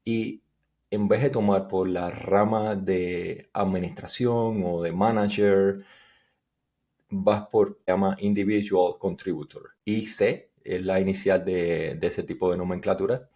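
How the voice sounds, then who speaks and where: A man's voice: low-pitched, fairly even intonation, a little slow, warm tone. A man from Cuba with a Cuban Spanish accent, answering interview questions in a thoughtful, explanatory way and sometimes restarting his sentences. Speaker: guest engineer.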